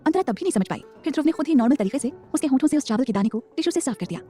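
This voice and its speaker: Narrator: woman, very fast dramatic audio-story delivery, slightly high, faint music bed. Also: lively intonation, warm tone.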